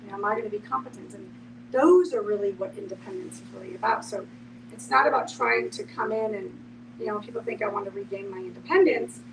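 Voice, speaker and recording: Speaking quickly in a mid-range voice, a woman on a podcast panel talks through her thoughts reflectively in a group conversation, with frequent "you know"s. The audio is noisy and hums, captured by a distant microphone.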